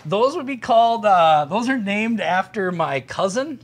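Ein Mann mittleren Alters mit leicht hoher Stimme führt entspannt durch seine Bäckerei. Er erklärt seine Backwaren im lockeren Plauderton, mit einigen Füllwörtern. Aufgenommen drinnen im Laden mit einem Ansteckmikrofon. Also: male voice, high voice, a little slow. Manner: relaxed, explains products with fillers. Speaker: bakery owner. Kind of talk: casual shop tour chat. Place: indoors in a bakery shop.

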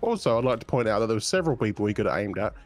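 A man's voice: fairly low pitch, very animated, racing, music in the background. A man role-playing a polite but firm police officer with a procedural, wry way of talking. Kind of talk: improvised game role-play.

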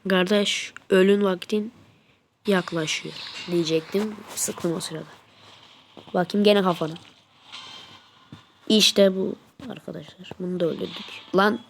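Stuffy-nosed woman yelling through a gameplay session. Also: medium pitch, unhurried, vocal fry, long pauses, a little hiss or hum. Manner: excitable, muttering then yelling at the game. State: congested with flu, blocked nose. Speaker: gaming channel host. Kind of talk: casual gameplay commentary.

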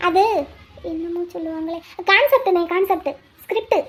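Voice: very high-pitched, brisk, a bit bright. A performer voicing a wary young village woman who talks to herself and coaxes others in a cartoon. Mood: coaxing. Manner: talks to herself, pleading and coaxing. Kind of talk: cartoon voice acting, inner monologue and dialogue.

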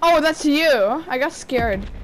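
A woman chatting casually while playing a video game, trailing off, restarting her sentences and now and then bursting into shouts. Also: high-pitched, animated, slow, slight background noise. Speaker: gamer. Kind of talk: casual gameplay chat.

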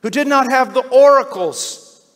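A middle-aged man preaching a sermon, swinging from hushed, slow passages to loud, shouted cries. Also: very high-pitched. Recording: long hall reverb.

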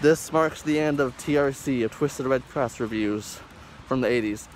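A young man reviewing music in a rambling vlog, speaking loudly and emphatically through a face mask that muffles his words, recorded on a phone outdoors. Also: medium pitch, normal speed, slight background noise, rough recording. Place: outdoors in a parking lot. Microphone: phone held close at arm's length.

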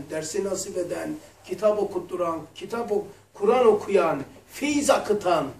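A man giving a religious lesson, telling stories in a casual, colloquial way with blunt slang asides. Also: high-pitched. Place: lesson room. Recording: roomy echo, mic far off.

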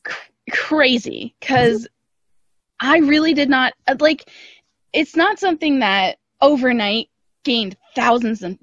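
Speaking slowly in a high, somewhat bright voice, an audio drama creator joins a podcast remotely for a relaxed, informal interview. There's no room sound, and the lo-fi call audio comes across slightly dull.

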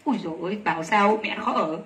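A woman selling clothes on a livestream, talking rapidly and gushing over each piece while teasing her helpers. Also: mid-range voice, fairly bright tone. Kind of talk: live sales pitch.

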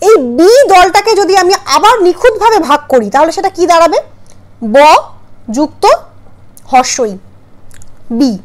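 A woman teaching a grammar lesson, asking her students questions and sounding out syllables one by one. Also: sits high. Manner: patient, questioning, spells out syllables slowly.

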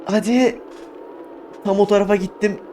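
Excitable young gamer man. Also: high voice, moderate pace, noisy background. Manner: excitable, exclaiming and groaning at failures. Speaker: gaming YouTuber. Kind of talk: let's play commentary.

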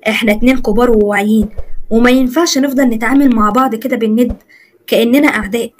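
A sarcastic young husband speaks in a brisk Egyptian accent, voiced by a woman narrating the tale. He scoffs and needles his wife. The delivery is fast and lightly high. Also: a little hiss or hum, lightly acted. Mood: coaxing. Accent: Egyptian Arabic. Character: young husband, sharp-tongued and mocking.

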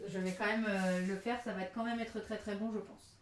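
A woman's voice: medium pitch, steady tone, brisk, a little hiss or hum. A young woman streaming live while she cooks, chatting casually, joking at her own expense and laughing often. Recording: roomy kitchen with faint clatter.

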